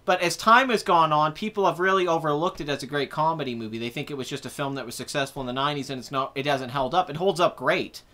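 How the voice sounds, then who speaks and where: Bright-voiced young man in casual chat. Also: a little high, fast, few pauses. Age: 20s. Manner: rambling, self-correcting, answering viewer comments. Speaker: host. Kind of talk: casual live chat about movies.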